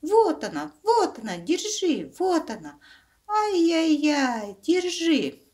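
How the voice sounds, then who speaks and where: A woman voicing a small, indignant male bear cub in a thin squeaky voice for a children's fairy tale. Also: sing-song, slow, darkish tone, full character voice. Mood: frantic, shrieking.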